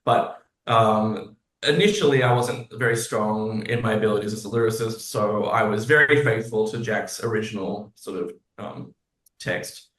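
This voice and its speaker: An Australian composer and lyricist, appearing as an interview guest, talks in a casual, reflective way while hesitantly hunting for words. His voice is fairly low and fairly bright, at a moderate pace. The recording has a roomy echo.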